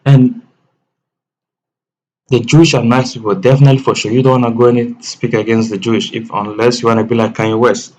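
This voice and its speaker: A man's voice: mid-range voice, flat delivery, fairly quick, darkish tone. Rambling man commenting on a clip. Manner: rambling, repeats words and restarts. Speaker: commentary channel host. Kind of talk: casual commentary. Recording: dull lo-fi mic with faint noise.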